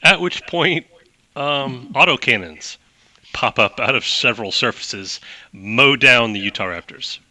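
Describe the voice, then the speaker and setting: A man's voice: medium pitch, animated, measured pace, pushed and bright, no echo. A man narrating a tabletop game as game master, rambling with chuckling asides.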